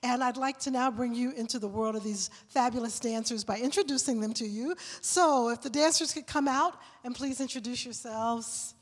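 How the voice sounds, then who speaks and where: A slightly high-voiced woman speaks from a theater stage, effusive and open with the audience. Her words carry a long reverb from the hall around her. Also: moderate pace, few pauses. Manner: effusive, addresses the audience directly. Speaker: director and choreographer presenting a work. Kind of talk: onstage talk to a live audience.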